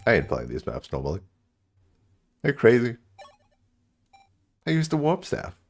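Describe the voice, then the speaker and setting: A man's voice: medium pitch, wildly swooping pitch, a little slow, darkish tone. A man doing live video game commentary, casually thinking aloud as he plays. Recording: game music behind the voice. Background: video game music.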